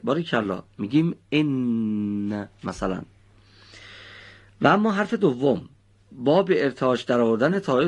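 A man with a mid-range, slightly breathy voice guides children through pronouncing Quran recitation letters. He is patient and precise in explaining, and his students get frequent praise.

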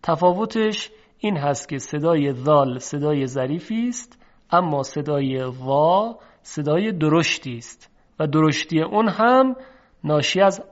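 A man teaching how to pronounce Arabic letters, speaking slowly and deliberately and repeating each sound for the listener to practice. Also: fairly high pitch, expressive. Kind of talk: recorded pronunciation lesson. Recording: dull lo-fi recording.

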